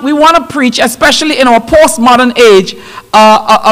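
A man preaching a sermon in a church, telling animated stories with stammered restarts. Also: very high voice, in a large hall. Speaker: pastor. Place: church sanctuary.

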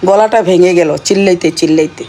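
Middle-aged woman, hoarse voice, scolding and nagging, faint noise behind. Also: fairly low pitch, brisk, mellow. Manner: scolding and nagging in character, then chatty. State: hoarse from shouting. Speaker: mother-in-law. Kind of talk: playful staged family skit.

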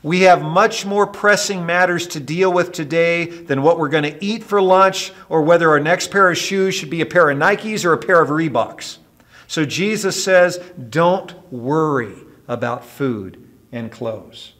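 A man preaching a sermon as pastor, earnest and emphatic, dropping soft at the ends of points and asking his listeners questions. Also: high voice, moderate pace. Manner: asks the congregation questions.

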